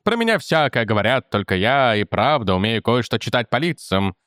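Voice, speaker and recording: A man's voice: medium pitch, very animated, brisk, fairly bright tone, no echo, clean studio sound. A man voicing a timid male court jester who pleads in a flowery, tearful way. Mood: pleading.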